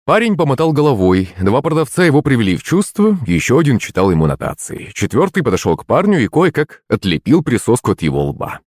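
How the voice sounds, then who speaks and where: A man narrating a fantasy audiobook in an animated storytelling manner. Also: medium pitch, fairly quick, few pauses, no room sound, clean studio sound. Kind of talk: scripted narration.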